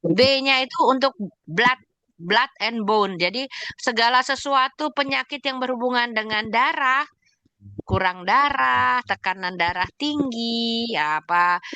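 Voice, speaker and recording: A woman's voice: a little high, unhurried, sharp tone, dry recording, highs cut off. A woman doctor answering questions in an online session, explaining in an emphatic way and listing examples.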